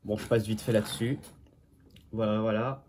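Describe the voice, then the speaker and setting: Mellow-voiced French man showing toy cars. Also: lowish voice, fairly even intonation, normal speed, slight background noise. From Normandy, France. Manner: chatty, self-correcting, jokey asides. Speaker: toy car collector. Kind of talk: casual show-and-tell commentary.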